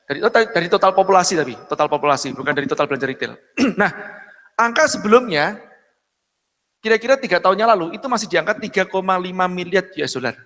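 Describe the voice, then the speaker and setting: A man giving a business seminar in a casual, chatty way, often checking in with his audience and clearing his throat. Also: sits high, animated, quick pace, a bit bright, big-room sound. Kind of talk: live business seminar talk.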